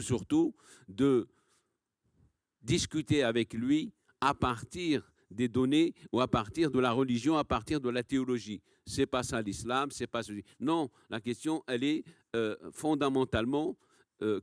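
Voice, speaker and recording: A man's voice: medium pitch, dry recording, studio quality. A man answering as a conference panelist, explaining in a didactic way with repeated phrases and rhetorical questions.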